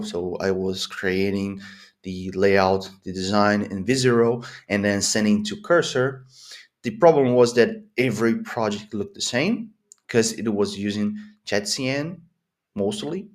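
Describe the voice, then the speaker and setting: A coding vlogger in his thirties, whose first language is Portuguese or Spanish rather than English, speaks with a voice on the low side. Sitting at a desk in his home office, he rambles through a casual live screen-recorded coding session, thinking aloud with many fillers and restarts.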